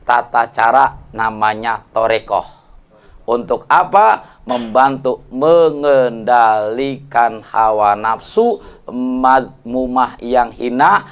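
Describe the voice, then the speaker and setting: A man preaching a casual study sermon, joking in slang and often asking the listeners to agree. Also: on the low side. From Indonesia. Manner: jokey, colloquial, asks audience for agreement. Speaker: Islamic preacher.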